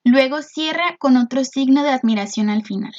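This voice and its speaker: A woman teacher with a high voice walks through a video lesson in a patient, explanatory way. She keeps checking in with her students and fills her pauses with little hesitations. The recording sounds dull and lo-fi. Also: a little mellow. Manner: frequent "este" fillers.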